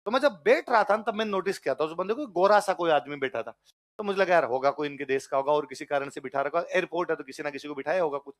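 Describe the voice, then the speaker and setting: A man with a Rajasthani accent tells a personal story in the middle of a lesson. He has a notably high voice. He slips into the voices of the people in his story as he goes. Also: fast talker. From Jodhpur, Rajasthan. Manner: animated storyteller acting out quoted voices. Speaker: teacher. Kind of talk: storytelling anecdote in a lecture.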